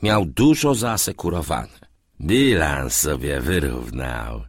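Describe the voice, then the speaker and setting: A man voicing a shrewd, scheming businessman who talks quickly and slyly. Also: a bass voice, animated, breathy edge, no echo, clean studio sound, heavily acted. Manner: quick, sly and scolding.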